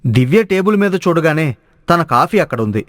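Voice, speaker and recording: A man narrating a cartoon story in a steady storytelling way. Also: fairly high pitch, moderate pace, dry recording, studio quality.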